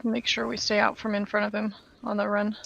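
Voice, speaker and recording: A man's voice: high voice, monotone, fairly quick, vocal fry, bright, forceful tone, dull audio. A man in casual game voice chat, explaining and correcting where the group should stand. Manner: instructive, correcting positioning. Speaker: raid player.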